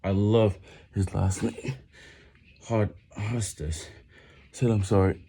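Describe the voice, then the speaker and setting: Man, low pitch, very dark soft timbre, reading aloud, doing push-ups, halting with repeated words. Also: fairly even intonation, a little hiss or hum. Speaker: vlogger reading on camera.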